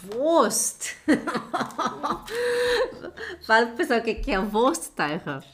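A Brazilian woman, likely in her thirties, who is a mother giving a casual family language lesson with slow emphatic repetition and frequent laughter. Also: a little high, big pitch swings, fairly bright tone. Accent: Brazilian Portuguese.

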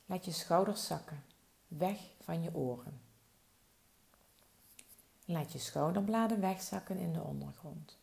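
Leading a slow meditation to relax the body, this guide speaks in a soft, soothing way. Her low, mellow voice carries a heavy gravelly fry, and she pauses to let each instruction sink in.

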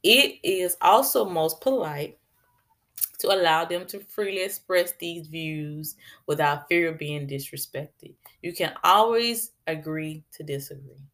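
A woman's voice: deep voice, a little slow, a bit bright. A woman talking casually about manners and kindness, chatty and preachy, with colloquial asides to her listeners. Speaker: speaker giving advice. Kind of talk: casual talk on etiquette.

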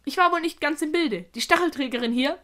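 A cheerful, chatty spider who talks high and eager, as a woman reads him aloud. He sounds keen and pleased. This is a spoken storybook. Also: fast talker, bright, forceful tone.

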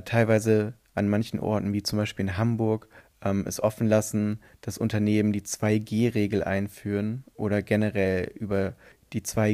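A man's voice: fairly low pitch, darkish tone. A man giving a casual opinion monologue, speaking hesitantly as he searches for words and corrects himself.

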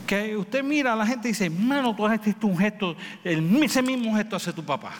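A man preaching a sermon, with repeated phrases and rhetorical questions, swinging between raised and low delivery. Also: lively intonation, normal speed. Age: adult with children. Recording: reverberant hall with faint background noise.

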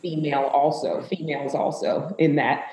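A woman pastor from Zambia and the US, speaking in a live panel conversation in a halting, emotional way with many fillers. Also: low-pitched, fairly even intonation, mellow, slight background noise. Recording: echoey room.

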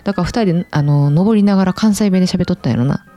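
A woman's voice: fairly low pitch, quick pace, warm tone, soft background music. A woman with an Osaka-area Kansai accent hosting a casual chat, announcing segments and chattily agreeing and prompting. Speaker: host.

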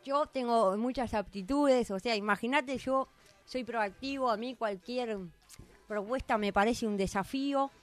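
A woman playing a hoarse, broke male Cupid. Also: a little high, measured pace, soft background music, natural voice. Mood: grumbling. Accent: Argentine Spanish. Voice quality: hoarse from shouting. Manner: slangy, complaining, laid-back. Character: broke, weary male Cupid looking for work. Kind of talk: radio comedy sketch.

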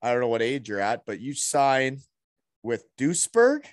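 A man's voice: mid-range voice, very animated, measured pace, no echo, clean studio sound. A man with a Canadian accent hosting a casual interview, bantering in hockey-bro slang and often tagging on "eh". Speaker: interviewer and former hockey player. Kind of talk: casual chat.

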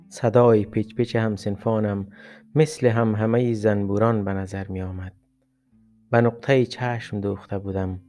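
A man reading a literary short story in a measured, reflective first-person voice. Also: medium pitch, a little mellow. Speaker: story reader. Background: faint guitar music.

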